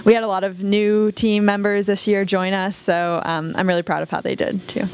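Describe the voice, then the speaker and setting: A woman's voice: mid-range voice, flat delivery, normal speed, noisy background. A teenage girl, a senior skier, answering interview questions cheerfully with frequent fillers. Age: teens. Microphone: handheld mic.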